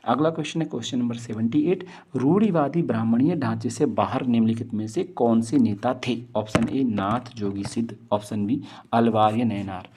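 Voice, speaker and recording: A man's voice: mid-range voice, moderate pace, noisy background. A man teaching a history lesson, reading multiple-choice questions and options aloud and then explaining each answer, often repeating key points and mixing in English words. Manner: mixes in English words and phrases. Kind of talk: exam question walkthrough.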